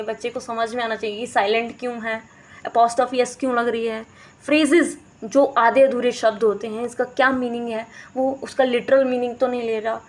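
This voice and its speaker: A woman teacher talks through a lesson on teaching methods. Her voice sits a little high. She switches into English terms and sounds out words to show how they should be said. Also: low-quality recording. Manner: explanatory, mixes English terms into Hindi, demonstrates pronunciations. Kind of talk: explaining a teaching course in Hindi.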